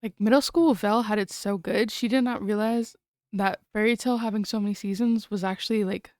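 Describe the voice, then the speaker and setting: A woman's voice: medium pitch, steady tone, brisk, a little mellow, dry recording. Giggly young woman streamer, dry close mic. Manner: chatty, giggly, trails off and restarts. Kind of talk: casual late-night stream chat.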